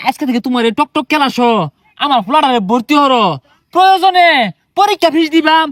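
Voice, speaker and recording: A man's voice: very high-pitched, fast, a bit bright, no room sound, clean studio sound. A man with a playing a bossy, teasing village elder in a comedy sketch. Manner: teasing, bossy, breaks into folk songs. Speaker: comic village elder character. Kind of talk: rustic comedy sketch in dialect.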